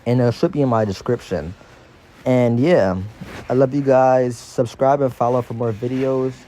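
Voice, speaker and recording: Mellow man talking through dental braces. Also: mid-range voice, fairly even intonation, moderate pace. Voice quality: speech slightly impeded by dental braces. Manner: informal, slangy, instructive. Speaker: fitness instructor. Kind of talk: casual exercise tutorial voice-over.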